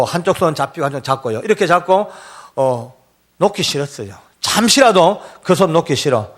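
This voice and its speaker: A male church elder tells his testimony from the pulpit and voices every line of dialogue with deep feeling. His voice sits a little high for a man. The delivery is heartfelt sermon storytelling.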